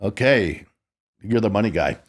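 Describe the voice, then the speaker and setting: A man's voice: on the low side, lively intonation, moderate pace. A man in his sixties hosting a podcast, telling stories in a boastful, profane, casual way. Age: 60s. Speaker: podcast host.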